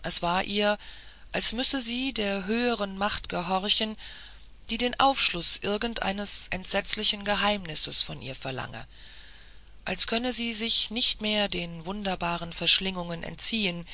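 A reader telling a classic novella in slow, measured, formal narration. The voice is gravelly and bright, and the recording is dry and close to the mic. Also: medium pitch. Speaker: audiobook reader.

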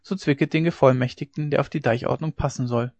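A man's voice: mid-range voice, steady tone, fast talker, vocal fry, a little mellow, no echo. Man doing an earnest young farmhand, plain-spoken, dry dull sound.

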